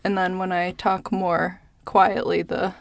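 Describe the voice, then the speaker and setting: Casting: female podcast co-host, soft-spoken, audible vocal fry, casual delivery, dry sound. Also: lowish voice, flat delivery, takes it slowly, no room sound. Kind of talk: casual podcast chat, reading listener email.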